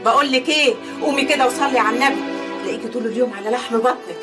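A woman's voice: fairly high pitch, rapid-fire, lightly acted. An actress playing a caring, coaxing Egyptian mother in a TV drama, speaking with an Egyptian Arabic accent. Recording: distant voice over music score.

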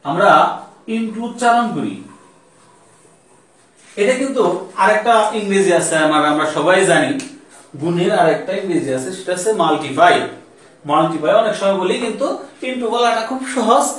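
A male math teacher explains a lesson in a high, animated voice that rises and falls widely. He asks questions and answers them himself, repeating each key term. He sounds far from the mic in a strongly echoing room. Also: normal speed, long pauses.

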